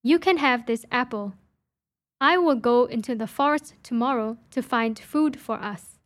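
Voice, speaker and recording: A kind, poor young boy from a storybook speaks gently and generously, read by a woman. The voice is fairly high, and the pace is slow and measured. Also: no echo, natural voice. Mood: caring.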